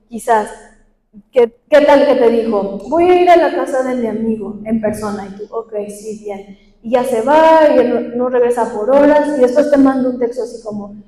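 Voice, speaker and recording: A woman's voice: fairly high pitch, warm tone. A woman presenting a communication workshop, asking the audience questions and acting out everyday examples. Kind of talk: leadership and communication workshop talk. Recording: echoey hall with long reverb.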